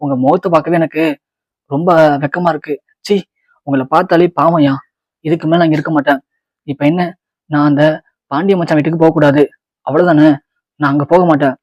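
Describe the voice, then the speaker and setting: A man's voice: fairly high pitch, steady tone, a little fast, long pauses, no room sound, highs cut off, lightly acted. A man voicing an angry, humiliated young husband, bitter and accusing.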